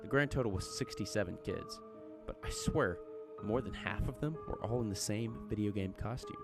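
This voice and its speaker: A man's voice: lowish voice, normal speed, over loud music. A man reading a horror story aloud in a folksy, chatty storytelling manner. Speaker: narrator.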